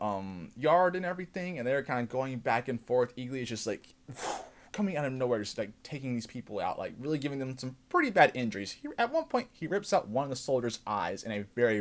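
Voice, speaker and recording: A man hosting his own show, casually recapping a TV episode with loose, enthusiastic commentary and plenty of fillers. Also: mid-range voice. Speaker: show host.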